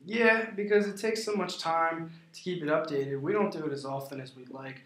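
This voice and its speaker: A man with a slightly high voice plays the client in a rehearsed business conversation. He talks in a measured, formal manner. The room around him sounds clearly echoey. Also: fairly even intonation, fairly bright tone. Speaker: prospective client in a sales role play.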